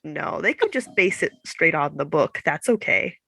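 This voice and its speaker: A woman co-hosting a book podcast chats casually, playful and animated and quick to laugh. Her low, creaky voice sounds congested and stuffy, as if her nose is blocked, and the recording has no room sound.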